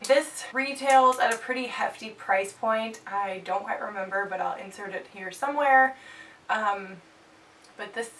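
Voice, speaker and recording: A young woman in her twenties reviews beauty products for her channel despite a stuffed-up nose, keeping things bubbly, chatty and full of jokes. Her voice runs on the high side and a bit bright. Faint hiss comes through a slightly distant microphone.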